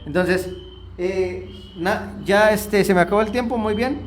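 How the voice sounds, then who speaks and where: A man, preaching a church lesson in an animated way, moving between emphatic points and quiet asides. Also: high-pitched, a little slow, a little hiss or hum.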